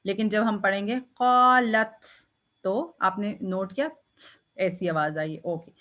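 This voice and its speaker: A woman teaching Quranic recitation rules, explaining patiently and demonstrating each letter with a drawn-out, breathy release. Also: medium pitch, fairly bright tone, lo-fi sound. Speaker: tajweed teacher. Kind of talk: step-by-step recitation lesson.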